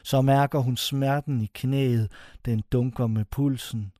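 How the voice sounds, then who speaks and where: Man reading a horror tale, mellow and dry. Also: medium pitch, fairly even intonation, no echo. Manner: suspenseful, slows down on dramatic phrases. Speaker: narrator. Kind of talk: scripted horror story reading.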